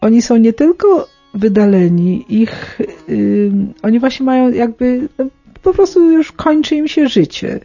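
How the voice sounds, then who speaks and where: A middle-aged woman speaking unscripted in a radio interview, explaining in a halting way and often correcting herself. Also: on the high side, expressive, warm tone, dry recording, muffled recording, soft background music. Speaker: interviewed aid worker among lepers in India.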